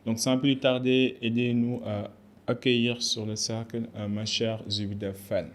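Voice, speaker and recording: A man's voice: mid-range voice, flat delivery, a little slow, a little hiss or hum. A man who hosts a podcast, introducing his guest and asking questions in a friendly, upbeat way with some hesitations. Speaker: podcast host. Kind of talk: podcast interview.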